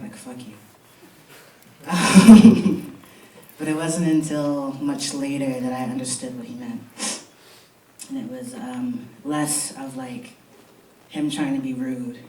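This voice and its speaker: A man with a fairly high pitch and a dark tone performs spoken-word poetry in a college event room, repeating lines rhythmically and emphatically and chatting casually between pieces. A distant mic picks up room echo and a faint hiss.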